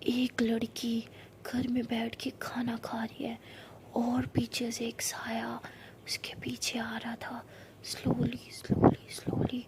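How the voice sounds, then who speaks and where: A woman voicing a playful, teasing young woman who tells spooky tales in a hush and comforts her friend. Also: sits high, slight background noise. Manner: teasing, then soothing; hushed spooky storytelling.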